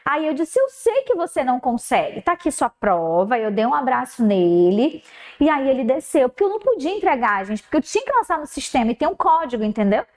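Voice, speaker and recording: A middle-aged woman teacher, telling a classroom story casually and acting out the dialogue with lively jumps in pitch. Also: brisk.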